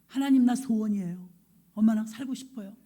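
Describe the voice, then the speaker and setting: A woman's voice: fairly quick, warm tone, lightly acted. A woman preacher voicing a young elementary school boy who begs and then whines at his mother. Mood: pleading. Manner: pleading and whiny, rising high.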